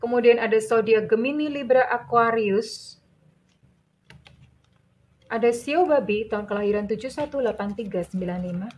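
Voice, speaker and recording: A woman giving a tarot reading, gentle and measured, calling the listener dear. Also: a little high. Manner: slow, measured listing. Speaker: tarot reader.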